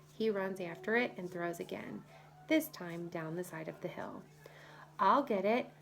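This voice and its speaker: Gravelly woman narrating an audiobook. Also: fairly low pitch. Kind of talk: first-person audiobook narration.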